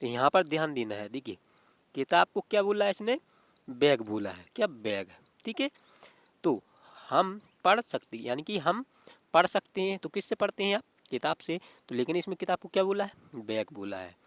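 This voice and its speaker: Acting as a teacher, a man walks through exam reasoning questions in a slightly high, very animated voice at normal speed, with a fairly bright tone and no room sound. He's repetitive, often asking "what is it" and saying "okay."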